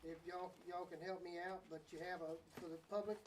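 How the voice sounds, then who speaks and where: A woman chairs a town council meeting in a folksy, self-deprecating way, halting often with ums. Her voice sits low for a woman. A faint noise runs under the recording. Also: steady tone. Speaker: council presiding officer.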